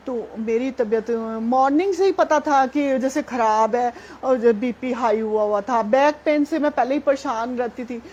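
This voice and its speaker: A middle-aged woman sharing a devotional testimony at a satsang, chatty and animated, often laughing as she tells it. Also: on the high side, muffled recording, slight background noise. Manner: chatty, animated, laughs while telling, many fillers.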